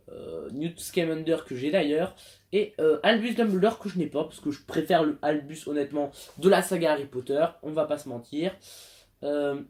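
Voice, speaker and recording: A man's voice: on the high side, a little mellow. Rambling young man showing off collectibles. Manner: rambling, hesitant, many fillers and self-mocking asides. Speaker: YouTuber showing collectible figures. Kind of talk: casual unboxing vlog.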